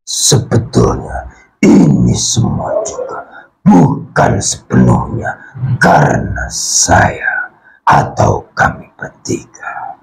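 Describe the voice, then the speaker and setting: A man voicing an ancient male spirit speaking through a possessed person, with a deep gravelly, half-whispered rasp and slow, formal replies. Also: wildly swooping pitch, full character voice, poor audio. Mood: solemn.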